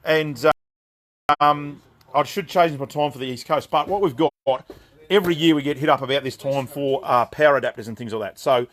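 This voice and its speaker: A man's voice: fairly high pitch, a little fast, fairly bright tone. A man with an Australian accent hosting a casual live stream from his shop, greeting viewers by name and rambling through new stock with fillers and jokes.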